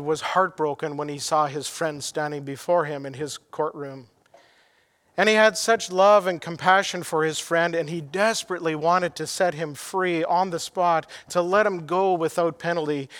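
A man's voice: a little high, a bit bright, long reverb tail. A middle-aged man preaching a sermon as pastor, earnest and emphatic, telling anecdotes.

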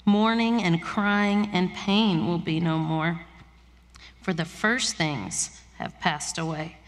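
Woman pastor, unhurried reflective sermon delivery, reverberant church hall. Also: on the low side, steady tone.

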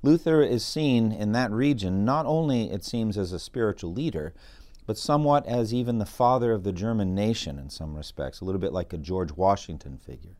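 A man's voice: on the low side, expressive, a little fast, a little mellow, no echo. A middle-aged man hosting a solo podcast on church history, talking in an earnest, preacherly way and lifting his voice for dramatic readings. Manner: earnest, preacherly, reads quoted passages with dramatic lift. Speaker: podcast host.

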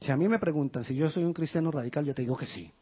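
A male pastor delivers a fervent sermon in a high, husky voice. He climbs to shouted bursts and sinks to hushed, low lines. The recording sounds dull and lo-fi. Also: very fast. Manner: impassioned, shouting in bursts then dropping low.

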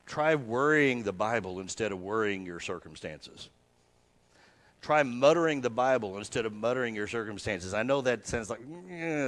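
A male pastor with a medium-pitched voice gives a sermon, reading verses slowly and repeating them with soft emphasis that drops away. Then he talks plainly to the congregation, teaching conversationally with sudden emphatic rises.

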